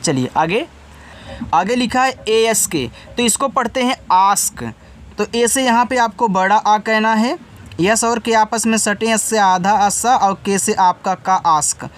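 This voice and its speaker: At a measured pace, a man with a high, fairly bright voice teaches spelling online as an English teacher. Each word gets spelled out patiently letter by letter and then defined, while he talks directly to his students and catches his own errors.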